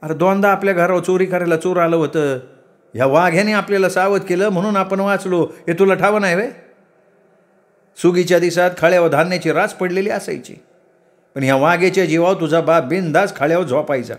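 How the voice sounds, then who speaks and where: A man doing a shrill scolding village mother. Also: fairly quick, lightly acted. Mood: reproachful. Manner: shrill, scolding, rustic speech. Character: scolding older village mother, strong-willed.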